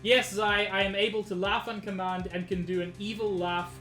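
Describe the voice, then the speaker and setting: A woman streams a game and chats with her viewers in a middle-pitched voice. The sound is roomy, with game music clearly playing behind her. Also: level tone, moderate pace, a bit bright. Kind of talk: chatty game stream with dramatic read-aloud.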